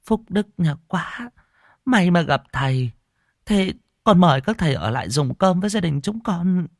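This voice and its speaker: A man's voice: high voice, animated, moderate pace, gravelly, no room sound, studio quality, pitched above the performer's own voice, full character voice. A man voicing a fawning, polite middle-aged village housewife. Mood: grateful.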